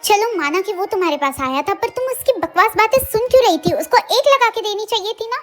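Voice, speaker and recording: A woman's voice: very high-pitched, lively intonation, fast talker, a bit bright, soft background music. A woman voicing a hot-headed, jealous young man who threatens and protects in a dramatized story reading. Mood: irritated. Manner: threatening, blunt.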